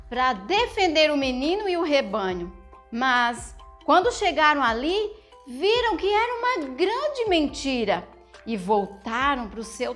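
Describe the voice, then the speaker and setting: High-voiced lady, slow gentle storytelling for kids, keeps asking them questions. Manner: speaks to children with frequent questions; gentle, teaching tone. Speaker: children's storyteller.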